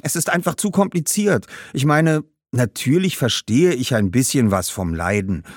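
An earnest young boy in a read-aloud storybook, as a man puts him on, asking questions with a thoughtful, serious air. His raised voice moves in lively swings and sounds close and dry. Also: medium pitch, moderate pace, dry recording, pitched above the performer's own voice, lightly acted.

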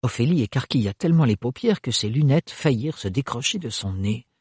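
A man reads a novel aloud in a measured, expressive way. His voice is husky and mid-pitched, set close and dry with no room around it. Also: no room sound. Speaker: audiobook narrator. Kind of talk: scripted narration.

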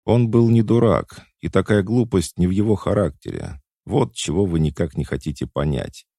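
A man's voice: deep voice, expressive, moderate pace, creaky, mellow, dry recording, studio quality, pitched above the performer's own voice, heavily acted. A man voicing a shrewd, blunt old male lawyer in an audiobook, speaking insistently.

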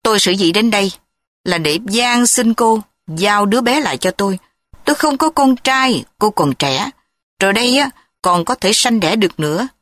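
A woman reading the part of a scheming, threatening older man who talks in a measured, cold way. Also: mid-range voice, lively intonation, a bit bright, dry recording, studio quality, lightly acted. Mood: pleading.

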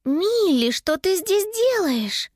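A woman's voice: high voice, sing-song, moderate pace, dry recording, studio quality, pitched above the performer's own voice. A woman voicing a young girl who urgently coaxes and calls after a runaway sheep in an audiobook story. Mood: coaxing. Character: girl Annika, bossy and caring with her sheep.

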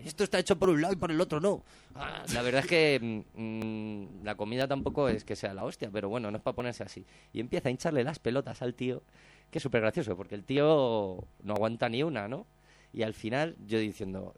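A man hosting a casual radio chat show, retelling a story with lots of swearing and loud acted-out quotes. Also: mid-range voice. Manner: animated storyteller, swears freely, acts out quotes loudly. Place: radio studio.

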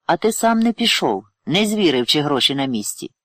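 A man's voice: fairly high pitch, very animated, moderate pace, fairly bright tone, no room sound, clean studio sound, voice pushed up. A man voicing a male court official questioning a young witness pointedly. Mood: probing.

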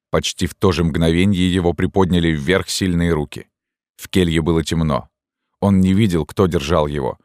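A man narrating an audiobook in a measured, even storytelling manner. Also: deep voice, no room sound, studio quality.

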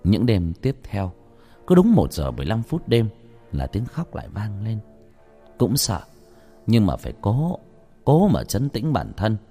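Animated male ghost-story narrator. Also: on the low side, unhurried, long pauses, breathy edge. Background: faint music.

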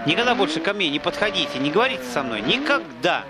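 A man reading an audiobook voices a defiant young woman doctor, raising his voice into high-strung shouted outbursts. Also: sing-song, fast, very noisy. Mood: furious.

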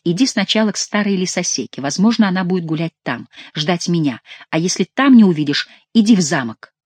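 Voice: mid-range voice, lively intonation, fairly quick, husky, no echo. A reader voicing a bold young nobleman giving urgent orders, in a theatrical audiobook reading.

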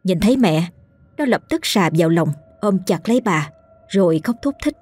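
A woman narrating a scripted ghost story in a steady, measured storytelling manner. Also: medium pitch, breathy edge.

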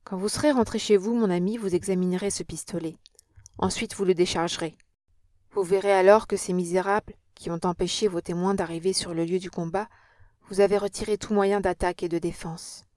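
A woman's voice: fairly low pitch, fairly even intonation, fairly quick, a little mellow, dry recording, clean studio sound, natural voice. A woman reading an audiobook and voicing an impassioned young Parisian woman with an earnest, dramatic manner.

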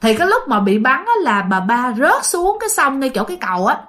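A woman's voice: sits high, very animated, a little fast, a bit bright. A woman with a Southern Vietnamese accent telling a ghost story in a chatty, casual way, often talking directly to her listeners. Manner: chatty, with fillers, addressing listeners.

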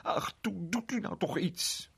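A man's voice: high voice, measured pace, vocal fry, a bit bright, husky, voice pushed up, heavily acted. A man voicing a timid young girl anxiously begging for help with her frightened cat. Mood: pleading. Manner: anxious, beseeching.

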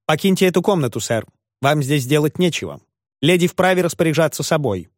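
A man's voice: on the high side, expressive, brisk, dry recording, clean studio sound, pitched above the performer's own voice, lightly acted. A man voicing a brazen swindler who speaks fiercely and haughtily. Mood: defiant. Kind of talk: audiobook character voice.

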